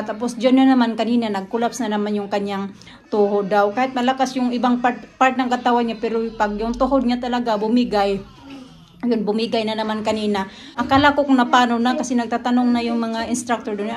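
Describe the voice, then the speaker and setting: A woman's voice: on the high side, steady tone, fairly quick. Chatty woman vlogger from the Philippines. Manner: chatty storytelling, often addresses viewers directly. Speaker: family vlogger. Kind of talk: casual chat to viewers.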